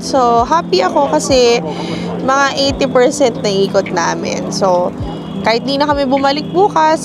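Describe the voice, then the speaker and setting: A young adult woman with a Filipino accent, chatting casually to her phone on a travel vlog, laughing often and filling pauses. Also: on the high side. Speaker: vlogger. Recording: noisy street and shop ambience.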